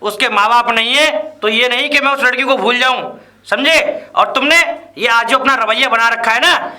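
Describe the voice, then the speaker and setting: Stern village father figure, played by a man, lecturing, high and very bright voice. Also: moderate pace, exaggerated voice. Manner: lecturing, keeps asking "understood?". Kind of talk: amateur web drama acting.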